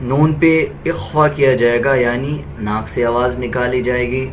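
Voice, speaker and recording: Male teacher, mid-pitched voice, slow, patient walkthrough of pronunciation rules, faint room noise. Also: fairly even intonation, poor audio. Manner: patient, deliberate, repeats rules. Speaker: tajweed teacher. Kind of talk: slow step-by-step explanation.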